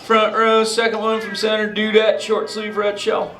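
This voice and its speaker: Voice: medium pitch, completely flat delivery, normal speed, soft background music, lightly acted. A performer doing Crush, a surfer-dude sea turtle. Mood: playful. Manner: drawling surfer slang, playful and teasing. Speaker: live show character talking with audience. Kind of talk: improvised live audience interaction. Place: indoor theater with live audience. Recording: echoey theater with loud crowd noise.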